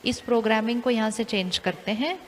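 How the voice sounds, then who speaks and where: Casting: woman, calm spiritual teacher, asks the audience questions again and again, long hall reverb, faint hiss. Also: on the high side, fairly quick.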